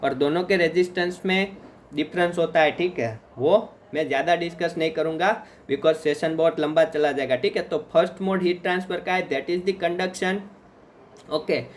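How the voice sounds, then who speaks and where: A man's voice: high-pitched, slight background noise. A man giving an exam-prep lecture with an Indian accent, mixing Hindi and English and answering his own questions.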